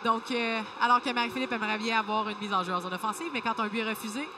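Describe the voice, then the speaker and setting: Woman, high voice, live hockey replay analysis, hesitant explanatory phrasing, very loud arena noise. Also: steady tone, quick pace. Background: hockey arena ambience.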